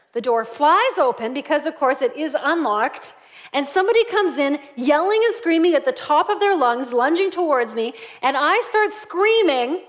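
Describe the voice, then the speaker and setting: A high-pitched woman delivering an Easter sermon as a pastor. She tells personal stories with lively shifts, dropping to a hush and then rising with energy. She is a middle-aged woman from Canada. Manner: storytelling, dynamic, shifts between soft and animated.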